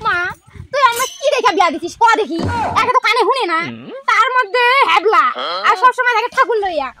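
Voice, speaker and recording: A woman's voice: extremely high pitch, animated, a little fast. Woman playing a sulky, complaining young bride. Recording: loud noisy amateur recording.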